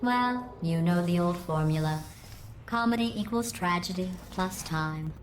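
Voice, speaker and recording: A sarcastic female AI taunts in a low, deadpan, robotic-filtered voice. Her mockery is calm and passive-aggressive. The sound rings in an echoey space over steady background noise. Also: measured pace. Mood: mocking. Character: cold, sarcastic female AI running test chambers. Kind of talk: video game dialogue.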